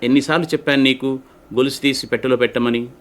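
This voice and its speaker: Anxious scolding mom from a kids story, a guy doing her in his normal voice, mid pitch. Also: fairly even intonation, fast talker, natural voice. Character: worried, scolding mother of a little girl.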